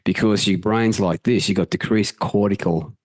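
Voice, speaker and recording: A man with a very low voice walks viewers through health slides with lively, casual energy. He throws in the odd swear word as he goes. The sound is dry and close, with no room echo. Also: normal speed. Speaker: health channel host. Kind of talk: presenting slides, casual talk.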